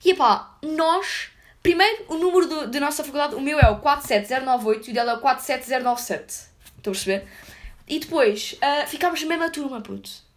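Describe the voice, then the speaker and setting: A young woman with a European Portuguese accent tells her viewers a story in casual, slangy chat full of fillers. She's a vlogger with a high voice and a brisk delivery.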